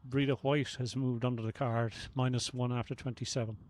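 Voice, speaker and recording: A man gives live golf commentary as the second voice. His medium-pitched delivery is measured and economical, made of short remarks on play and scoring. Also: flat delivery, a little mellow.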